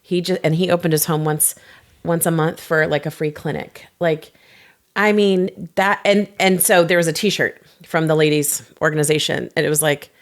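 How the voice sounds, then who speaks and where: A pastor in her forties with a low, slightly gravelly voice. She tells stories animatedly in a casual podcast chat and drops quick playful asides as she goes. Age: 40s. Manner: lively storyteller, quick laughs, animated asides. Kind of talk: podcast conversation.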